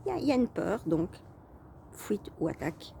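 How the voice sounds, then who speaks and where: A woman's voice: on the low side, very animated, fairly quick, creaky, dark tone, slight background noise. A woman coach talking casually to her viewers, chatty and hesitant, with frequent fillers and restarts. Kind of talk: casual talking-head vlog.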